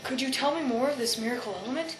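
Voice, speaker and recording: A woman's voice: high voice, fast talker, soft background music, natural voice, poor audio. A woman playing a bold, blustering male spaceship captain in campy radio-serial style, with grandiose exclamations.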